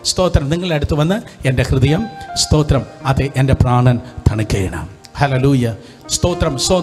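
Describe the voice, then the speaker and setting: A man with a Malayalam accent preaches a Bible study sermon in a high, lively voice that climbs and drops. He keeps calling for the congregation to repeat phrases back to him and fills the pauses with hallelujah and praise. Music plays clearly behind him. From India. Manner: repetitive call-and-response, leads congregation in repeating phrases; peppers speech with hallelujah and praise exclamations. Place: hot room with lights and fans.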